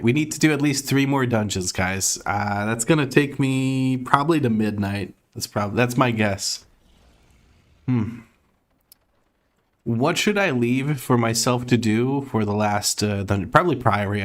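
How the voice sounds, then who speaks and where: Casually streaming a game live, a man from Croatia with an American accent reads the chat out loud, laughs often and swears without much thought. His pitch is medium.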